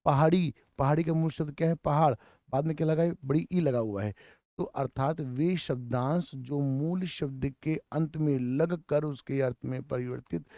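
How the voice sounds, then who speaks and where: A man teaching a grammar lesson, asking rhetorical questions and answering them himself, slowly spelling out word parts and repeating key terms. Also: medium pitch, dark tone, no echo, clean studio sound. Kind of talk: classroom lecture.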